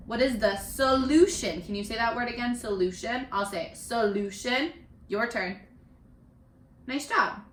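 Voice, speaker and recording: Reading aloud to young children from her living room, a woman primary school teacher speaks at a medium pitch, animated and encouraging. She frequently pauses to pose questions and lets them answer, while the room adds a spacious home echo.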